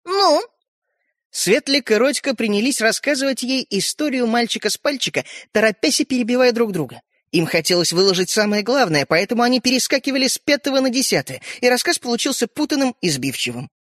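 A woman narrating a children's story, with expressive storytelling. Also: fairly high pitch, fast, hardly any pauses, no room sound, clean studio sound.

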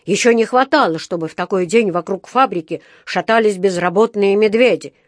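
A woman reading a storybook aloud, voicing an unfriendly male factory gatekeeper who talks in a loud, mocking way. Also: mid-range voice, a little fast, no echo, studio quality, lightly acted. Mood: sneering. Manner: sneering, loud, teasing.

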